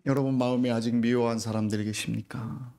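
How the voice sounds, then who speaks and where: A middle-aged man pastor preaching a sermon, moving from hushed, almost whispered lines to loud, pleading rhetorical questions. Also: medium pitch, level tone, a little fast, creaky.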